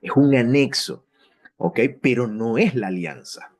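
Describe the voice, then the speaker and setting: A man's voice: medium pitch, animated, unhurried. A man teaching a Bible lesson, explaining grammar step by step, often stopping to check understanding and correcting himself along the way. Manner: frequent fillers and self-corrections.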